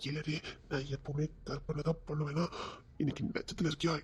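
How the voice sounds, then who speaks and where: A woman's voice: sits low, level tone, fairly quick. A woman voicing an eager young man who coaxes and reassures his girlfriend. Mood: coaxing. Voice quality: husky. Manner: coaxing, soft reassurances.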